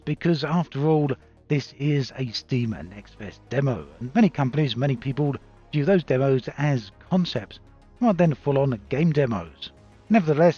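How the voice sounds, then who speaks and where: A man reviewing a video game in a measured, explanatory way, recorded on a cheap stand-in microphone with low audio quality. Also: a little mellow. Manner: measured, explanatory, occasional fillers. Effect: low-quality audio from a cheap stand-in mic. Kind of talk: scripted game review commentary. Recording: dull lo-fi cheap mic recording.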